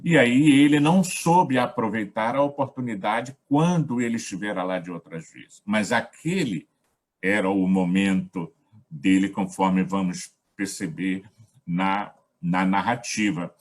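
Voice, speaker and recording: A man with a Brazilian accent facilitating a gospel study, talking in a measured, reflective way in short phrases. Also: fairly low pitch. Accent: Brazilian Portuguese. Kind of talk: reflective spiritual talk.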